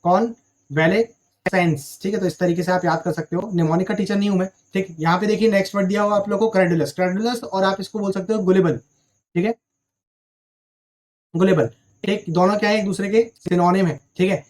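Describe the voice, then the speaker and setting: A young man with a high, slightly mellow voice teaches exam vocabulary in a recorded lesson, speaking quickly with fairly even intonation. He explains each word through rhetorical questions and checks in after nearly every line.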